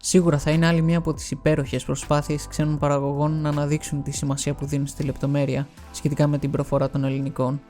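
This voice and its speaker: A man's voice: fairly high pitch, monotone, few pauses, mellow, soft background music. A man from Greece narrating a scripted video essay in a wry, explanatory manner.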